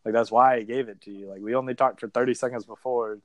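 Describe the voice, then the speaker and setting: A young man, a reality game contestant, tells a story as a guest on a casual podcast. He speaks quickly in a steady, medium-pitched voice, sprinkling in "like" and acting out quotes, and there's no echo.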